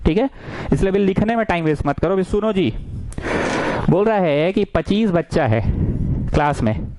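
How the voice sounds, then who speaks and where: A man runs a maths lesson as a joke-filled chat, acting out the students and the teacher. His voice sits a little high and swings widely in pitch. The room sounds dry and close. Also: warm tone, no room sound. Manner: jokey, acts out students and teacher in asides. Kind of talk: playful classroom lecture.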